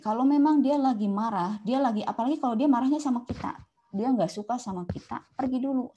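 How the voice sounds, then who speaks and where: A woman doctor giving an online seminar talk on caregiving. She explains in a lively way and drops in English terms. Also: mid-range voice. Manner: lively, explanatory, acts out quoted speech, mixes in English terms.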